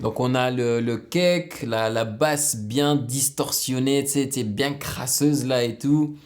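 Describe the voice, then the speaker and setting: A man reacting to a music clip in a loose, chatty way, quick to burst into excited exclamations and then ramble through production details with plenty of fillers. His voice sits at an ordinary middle pitch, with a faint trace of music behind him. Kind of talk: casual reaction commentary.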